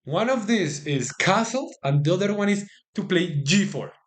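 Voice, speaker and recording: Male chess streamer, slightly high voice, excitable, informal, hammers home phrases by repeating them. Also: moderate pace. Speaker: chess commentator.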